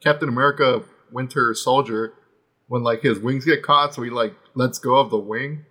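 A man's voice: medium pitch, fairly even intonation, moderate pace, pushed and bright, husky. A man co-hosting a casual podcast, easygoing and chuckling as he steers the chat. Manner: easygoing, chuckling, drifts between topics. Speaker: podcast co-host.

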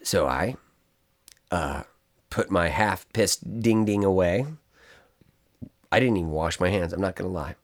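A man's voice: sits low, a little slow, pauses often. A man casually telling a long story on a podcast, rambling and cutting himself off with asides. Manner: rambling, self-interrupting, animated storytelling. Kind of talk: casual chat.

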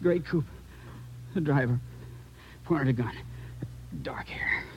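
An American man playing a wounded, dying policeman in an old radio drama, dazed, weak and gasping in halting fragments. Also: mid-range voice, a little hiss or hum, close to an everyday voice. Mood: desperate, fading. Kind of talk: 1950s radio drama acting. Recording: muffled old radio recording.

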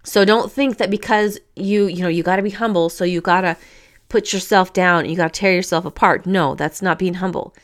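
A woman's voice: lowish voice, fairly quick. A woman hosting a motivational talk, speaking casually and encouragingly, repeating her points with everyday fillers. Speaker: podcast host.

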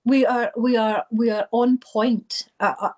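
A middle-aged or older woman with a Highland Scottish accent, speaking informally as an interview guest, often repeating words as she goes. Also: fairly even intonation, darkish tone. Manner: halting, repeats words and phrases. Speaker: interview guest, event organiser.

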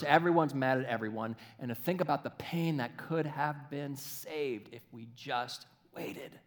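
A male pastor preaching a sermon in a church, animated and acting out little voices, then dropping to a soft, hushed delivery. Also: medium pitch. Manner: animated, acts out quoted voices.

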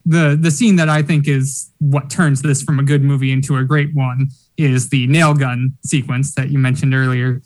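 A man's voice: medium pitch, little pitch movement, normal speed, few pauses, a little mellow. A man co-hosting a casual film discussion, analyzing scenes in eager, thorough detail. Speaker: podcast co-host.

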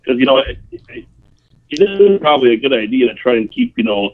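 A man co-hosting a casual podcast from home over a cell phone, lively and chatty. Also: medium pitch, a little fast. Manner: lively and chatty, with many fillers. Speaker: podcast co-host. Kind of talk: casual chat. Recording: gravelly phone-line sound.

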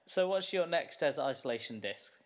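A man's voice: medium pitch, lively intonation, normal speed. Male music show interviewer, mid-range voice. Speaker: radio show host, interviewer. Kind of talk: conversational music interview presenting.

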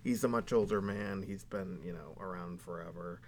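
Low-voiced man rambling casually on a podcast. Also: normal speed, slight background noise. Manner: rambling, relaxed storytelling. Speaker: podcast co-host. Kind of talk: casual chat.

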